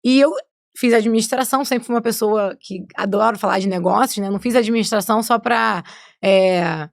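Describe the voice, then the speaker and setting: A woman's voice: medium pitch, fairly quick, gravelly, no echo, clean studio sound. A woman, chatting as a guest on a podcast, tagging her sentences with "né?". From Rio de Janeiro state, Brazil. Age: 20s. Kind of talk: casual podcast conversation.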